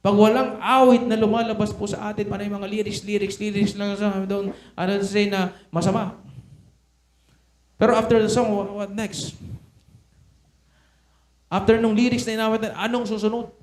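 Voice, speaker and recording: Guy preaching in a church, high voice, keeps asking the crowd "right?", big echo. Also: level tone, moderate pace, a little hiss or hum. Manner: rhetorical questions to the congregation. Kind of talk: sermon mixing Tagalog and English. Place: church sanctuary. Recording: echoey church hall.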